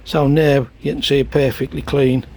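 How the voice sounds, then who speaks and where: A man's voice: mid-range voice, little pitch movement, normal speed, gravelly, a little mellow. Exasperated man vlogging by his pond. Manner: rambling, exasperated, chatty with swearing. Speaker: hobbyist koi keeper. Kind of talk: casual vlog narration. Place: outdoors by a garden pond in heavy rain. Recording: faint rain noise behind. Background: rain and outdoor ambience.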